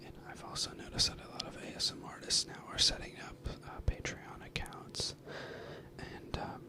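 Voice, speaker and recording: A man whispers right up at the ear in a casual ASMR ramble. His voice is unvoiced and hushed throughout, close-miked as he talks in an informal, wandering way. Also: normal speed. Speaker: ASMR video creator. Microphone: close binaural mic, ear to ear.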